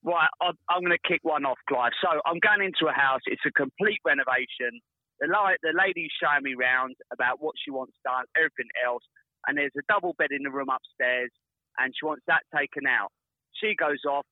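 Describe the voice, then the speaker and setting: A man, a builder calling in to a radio show, telling awkward stories with animated, acted-out quotes. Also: a little high, fairly quick, no room sound. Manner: animated storyteller, acts out quotes, stumbles on words. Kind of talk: casual anecdote telling. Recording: tinny phone line.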